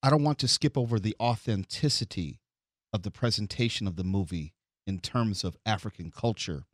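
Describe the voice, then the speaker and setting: A man's voice: on the low side, normal speed, no room sound, clean studio sound. A man on a podcast, making a thoughtful point in discussion.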